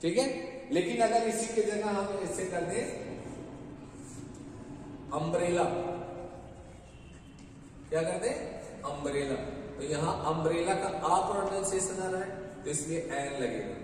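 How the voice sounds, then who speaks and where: A man with an Indian accent teaching English grammar, asking questions and answering them himself, slowly drilling each point. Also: high voice. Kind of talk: classroom grammar lesson. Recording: echoey hall, from far off, faint noise.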